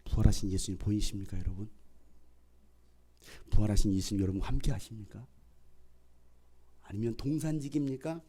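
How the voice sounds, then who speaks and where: A male pastor preaching a sermon, swinging from loud calls to soft whispers and acting out the voices in the scripture. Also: on the high side. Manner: acts out the voices in the scripture passages.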